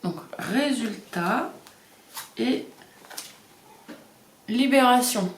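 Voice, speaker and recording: A woman's voice: fairly high pitch, lively intonation, very slow. Hesitant woman giving a casual card reading, echoey room. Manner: hesitant, many fillers, repeats card words. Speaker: card reader doing animal readings.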